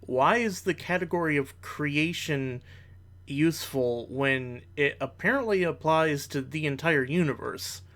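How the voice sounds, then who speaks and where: A man offers argumentative reaction commentary, measured and analytical, in formal wording. His voice is on the high side and a bit bright.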